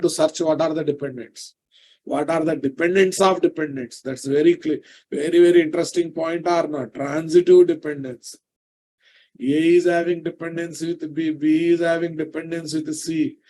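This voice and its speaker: Speaking in a mellow voice on the high side, a middle-aged Telugu-accented man teaches programming live online from an indoor computer setup. He dictates notes, says phrases over again, and tests his listeners with questions.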